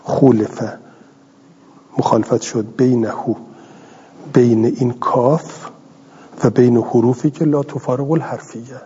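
Middle-aged guy teaching grammar, reads then explains slow, sounds like a big hall, dull old recording. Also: medium pitch, fairly even intonation, warm tone, a little hiss or hum. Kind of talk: classroom lecture reading and explaining a text.

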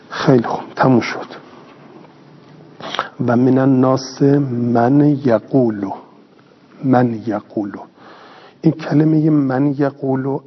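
A man teaching a lesson who reads a phrase slowly, then explains it quickly in plain speech, asking and answering his own questions. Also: medium pitch, breathy edge. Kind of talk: classroom lesson reading and explaining a text. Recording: lo-fi recording with long reverb.

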